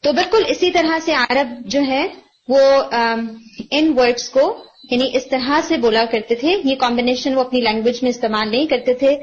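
A woman teaching a Quran recitation class, patiently explaining rules and quizzing her students, often slipping English words into her talk. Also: high voice. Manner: explains patiently, asks students questions and praises answers; mixes English words into Urdu. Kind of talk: online tajweed class. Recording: dull lo-fi audio.

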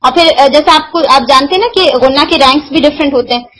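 A woman teaching the rules of Quran recitation, explaining patiently and answering her own questions as she slows down to demonstrate sounds. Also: sits high, a bit bright, rough recording. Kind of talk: explanatory lesson.

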